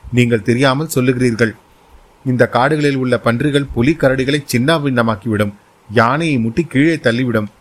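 A man's voice: medium pitch, normal speed, lightly acted. A man voicing a nervous young nobleman who urgently pleads and warns of danger in a spoken story. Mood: alarmed.

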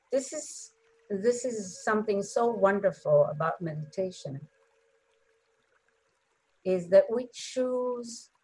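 A woman with a husky, medium-pitched voice leads a guided meditation, soft and calming, letting long silences fall between brief phrases. The recording quality is low.

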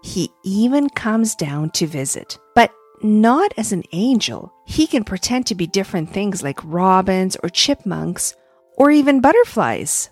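A woman voicing a small, kind talking star in a bedtime storybook, gentle and reassuring. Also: mid-range voice, big pitch swings, a little slow, breathy edge, faint music behind.

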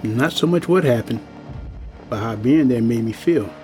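The same weary old laborer character warns of something ominous, voiced by an actor in a plain, folksy manner that is only lightly acted. His mid-range voice is darkish and lively at a normal pace, over faint background music.

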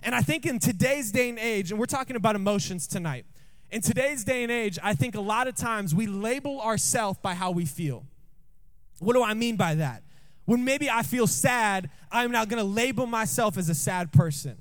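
A man with a rather high voice preaches in a church, telling a personal story. His delivery is jokey and conversational, and he keeps throwing questions out to the congregation. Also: lively intonation, moderate pace. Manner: jokey, asks the room questions often.

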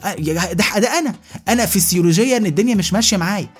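A man with an Egyptian Arabic accent delivering a comedic monologue as a podcast host, rapid and animated, often mimicking other people. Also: high-pitched, slightly rough, soft background music.

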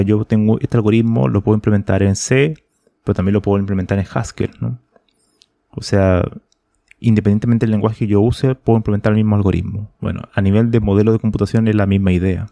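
Male author guest, gravelly and dark-toned, thoughtful explainer, dry close sound. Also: fairly low pitch, no echo. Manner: thoughtful, explanatory, often ends points with a questioning "no?". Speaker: guest author of a programming book. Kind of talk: conversational technical explanation.

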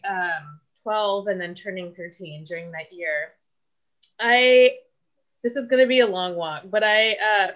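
A woman's voice: medium pitch, a bit bright. A young woman from Canada, a podcast guest, talking casually and rambling with lots of fillers. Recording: dull lo-fi audio.

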